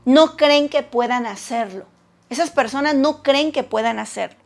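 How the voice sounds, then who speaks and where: A woman giving a conversational sermon to women, animated and talkative, acting out the voices of people she quotes. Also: sits high, moderate pace, vocal fry.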